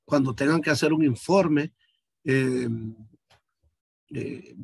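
Husky-voiced man teaching an online class. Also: a little high, fairly even intonation, slow, no room sound. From Honduras. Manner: patient, explanatory, addresses students directly. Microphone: video call.

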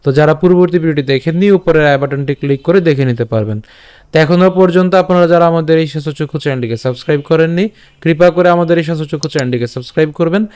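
A man teaching recitation online, patiently breaking verses into syllables and repeating them slowly. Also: a little high, darkish tone, smooth. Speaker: scripture pronunciation teacher.

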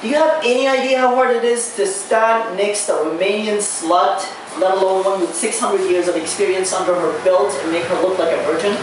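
A young man from Arabia, performing a stand-up set at an open mic in a small bar, halting and restarting his lines. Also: high-pitched, steady tone. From Saudi Arabia. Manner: halting delivery with restarts and drawn-out pauses. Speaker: stand-up comedian. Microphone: handheld mic, recorded by far camera. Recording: echoey bar from far camera with noise.

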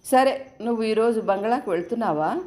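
A woman voicing an affectionate, teasing young woman in a storybook reading, with a raised, lively delivery. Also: a little high, fairly quick, pitched above the performer's own voice, close to an everyday voice.

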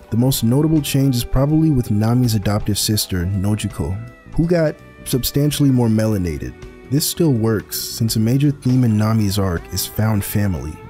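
A man's voice: lowish voice, mellow. Dry, sarcastic young man narrating. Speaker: video essayist. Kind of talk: scripted video essay narration.

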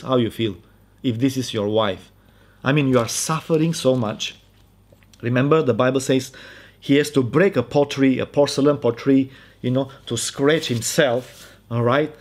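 A man preaching in a casual, conversational style with a Malaysian English accent, emphatic and animated. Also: mid-range voice, normal speed. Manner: animated, emphatic, acts out quoted voices. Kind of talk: conversational sermon.

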